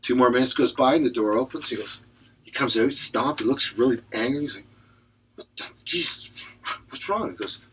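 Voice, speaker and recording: A man co-hosting a podcast, telling a long joke in a lively storytelling manner and acting out the characters. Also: medium pitch, quick pace, slightly rough. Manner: animated storyteller, acts out voices. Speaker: podcast co-host. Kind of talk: casual joke-telling and chat.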